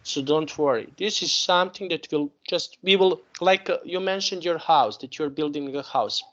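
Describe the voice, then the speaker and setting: A man's voice: fairly high pitch, normal speed, fairly bright tone, muffled recording. A man in his late thirties with a Serbian accent, teaching an online English lesson and encouraging his student, repeating words for emphasis. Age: 30s.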